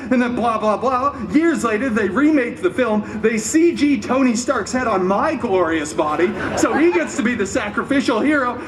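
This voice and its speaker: A man performing as a cheeky, wisecracking costumed superhero at a theme park tells a mock fairy tale live, in a very high-pitched voice full of sarcastic, theatrical asides. The distant mic picks up a noisy live crowd.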